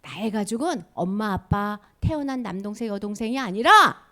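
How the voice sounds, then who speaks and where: A woman playing a gentle, patient male teacher. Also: medium pitch, animated, normal speed. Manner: gentle, explaining, affectionate. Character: calm, patient male teacher speaking to children.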